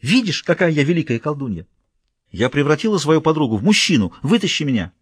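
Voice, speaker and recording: A frightened young girl cries out in high, shrill pleas, as a male audiobook reader acts her out. Her voice is loud and pushed well above his own, in a dry, close reading. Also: very animated, fast, slightly rough, no echo. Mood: urgent, boastful.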